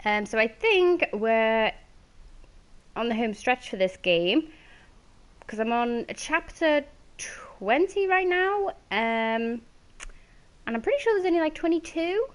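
A woman's voice: a little high, big pitch swings, slow, pauses often. A woman streaming a game, chatting casually, greeting viewers by name and laughing easily.

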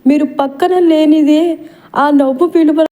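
A woman voicing a heartbroken young woman in an audiobook, speaking in a high, tearful, pleading voice. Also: steady tone, measured pace, warm tone. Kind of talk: audiobook role reading.

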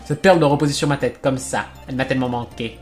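A man's voice: medium pitch, soft background music, lightly acted. A man putting on a grateful little spring-pig creature. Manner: deliberately bad put-on accent. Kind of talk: reading game dialogue aloud.

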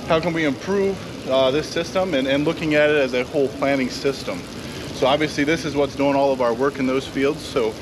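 A man in his thirties from a product support team, giving a quick, technical demo at a trade show. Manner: quick, technical, rehearsed pitch. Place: large indoor trade show hall. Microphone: camera at short distance. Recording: noisy trade show floor. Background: crowd and hall noise.

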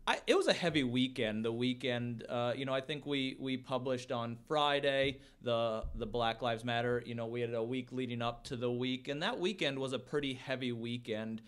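Male podcast host, mid-pitched, reflective, restarts his sentences. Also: normal speed, few pauses, a bit bright, clean tone. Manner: reflective, with many restarts and affirming interjections. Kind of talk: casual chat.

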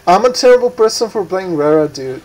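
A man's voice: sits high, expressive, brisk, crowd noise, low-quality recording. A tipsy man co-commentating a fighting game match, trading laid-back jokes. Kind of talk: casual commentary banter.

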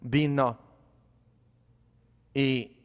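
A man, a priest, preaching a sermon in a conversational way, asking his congregation questions and shifting between quiet asides and loud emphatic lines. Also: mid-range voice, fairly even intonation, drawn-out words, smooth, lo-fi sound. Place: church. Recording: long hall reverb of a church.

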